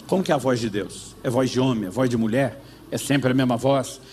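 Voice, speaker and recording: A man's voice: medium pitch, a little fast, darkish tone, a little hiss or hum. A man with a Brazilian Portuguese accent preaching, telling a personal story and acting out both sides of a conversation. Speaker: pastor. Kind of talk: sermon storytelling.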